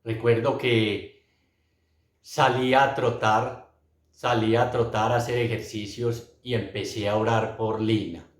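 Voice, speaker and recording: A man's voice: on the low side, flat delivery, takes it slowly. A middle-aged man giving an earnest, emotional religious testimony, speaking straight to his listeners. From Colombia. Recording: roomy echo.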